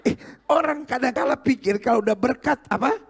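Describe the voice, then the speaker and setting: A man's voice: extremely high pitch, brisk, gravelly, breathy edge. A middle-aged male pastor preaching a sermon, joking with the congregation and calling for responses.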